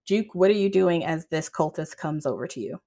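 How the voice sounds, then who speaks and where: Female tabletop game master, lower register, informal improvised narration. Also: expressive, brisk, warm tone.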